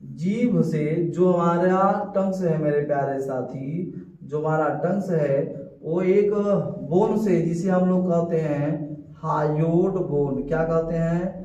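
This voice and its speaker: Guy teaching a class, keeps repeating stuff and quizzing, high voice, sounds far off and kinda muffled. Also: slow pace, mellow. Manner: repeats key terms and asks rhetorical questions. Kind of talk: classroom lecture with call-and-response questions. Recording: echoey, distant, dull lo-fi sound.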